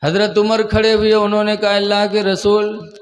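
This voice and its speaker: High-voiced male preacher in an echoing hall. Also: completely flat delivery. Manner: emotional storytelling, voices quoted figures with rising pitch. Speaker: mufti preacher. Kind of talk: sermon storytelling.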